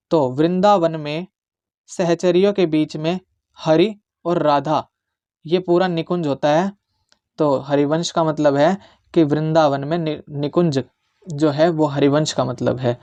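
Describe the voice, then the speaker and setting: A man giving a devotional lesson on how to pronounce Sanskrit verses. He explains plainly and then chants each line slowly, syllable by syllable. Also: a little high, a little mellow, no room sound. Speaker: Sanskrit recitation teacher.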